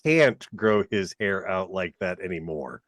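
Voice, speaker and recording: A man's voice: sits low, lively intonation, a little slow, a bit bright, no echo. A man chatting casually as a podcast co-host, rambling and joking at his own expense with some swearing. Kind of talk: casual chat.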